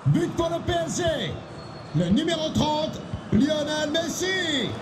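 A man playing a stadium announcer in a football game, making public-address announcements over a loudspeaker. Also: extremely high pitch, sing-song, slow, heavily acted. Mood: rousing. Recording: stadium loudspeaker, very loud crowd noise.

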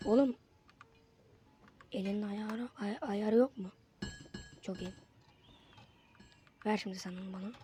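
Excitable young-sounding gamer woman. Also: medium pitch, unhurried, pauses often, soft background music. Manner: excitable, bursts into frustrated yelps. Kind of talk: casual gameplay commentary.

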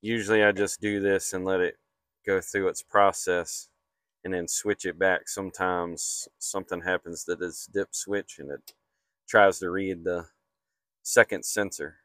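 A man talks through a repair at an unhurried, deliberate pace, plain and matter-of-fact. His voice is slightly low and clean, with a dry sound and no room echo around it. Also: flat delivery, fairly bright tone. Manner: slow, matter-of-fact explaining while working. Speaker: HVAC technician. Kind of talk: hands-on repair walkthrough. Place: outdoors on a flat commercial rooftop.

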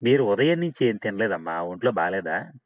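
A man's voice: lowish voice, very animated, brisk. A man reading a caring old house servant. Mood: concerned. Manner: gentle, concerned, deferential.

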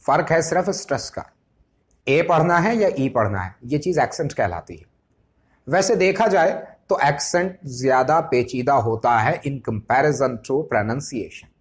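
A man's voice: on the high side, animated. Man teaching English pronunciation. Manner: slows down and stretches words when explaining English terms. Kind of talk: explanatory lesson.

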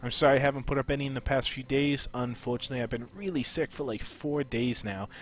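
A man hosting a casual game strategy tutorial, his voice a little off after being sick. He explains in a relaxed way with frequent "uh"s. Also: mid-range voice, fast talker. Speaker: gaming channel host.

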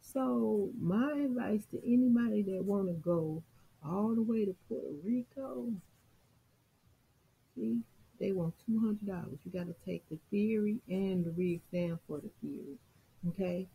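A woman's voice: medium pitch, measured pace, creaky, dark tone, slightly rough, rough recording. A woman talking straight to her viewers while walking through websites on her screen, sounding exasperated. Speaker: vlogger and salon coach. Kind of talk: casual screen-share commentary.

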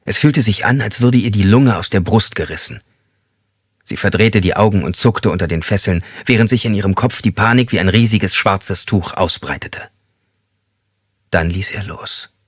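A man reading a thriller audiobook in an even, measured way. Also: on the low side, breathy edge, no echo, clean studio sound. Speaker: audiobook narrator. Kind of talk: scripted thriller narration.

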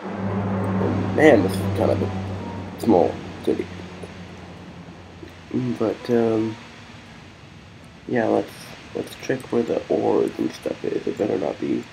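A man's voice: lowish voice, very animated, slow pace, vocal fry, pauses often, mellow, a little hiss or hum. A man giving casual, rambling commentary while playing a video game, often hesitating with fillers. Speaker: let's play gamer.

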